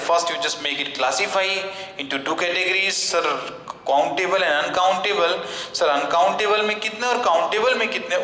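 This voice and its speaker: A man's voice: sits high, pushed and bright, slight background noise. A male teacher with an Indian English accent gives an online grammar lesson. He quizzes his students, answers for them and repeats the key terms. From central India. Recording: echoey room with long reverb.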